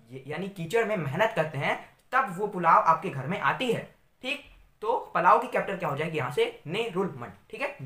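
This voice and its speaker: A man teaching a video lesson, his bright voice swinging up and down in pitch. He repeats himself and asks the listener questions he answers at once. The sound is roomy and echoey. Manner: repetitive, asks rhetorical questions and answers them, says "theek hai" often. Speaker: online teacher. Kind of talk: mnemonic tutorial for a video lesson.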